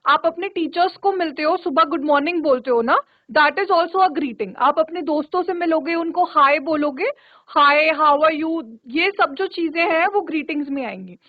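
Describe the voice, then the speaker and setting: Woman teacher from Uttarakhand, high voice, patient and checking in, for an online kids' class; dry, tinny phone-like sound. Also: moderate pace, dry recording. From Uttarakhand, India. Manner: patient, checks often with "okay?". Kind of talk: online spoken English class for children. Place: studio for a virtual classroom.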